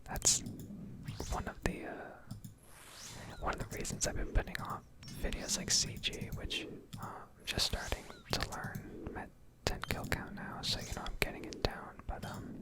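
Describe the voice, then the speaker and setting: A woman who makes gaming videos speaks softly, close to the microphone, giving ASMR commentary over gameplay at a normal speed. She sounds hesitant and pokes fun at herself.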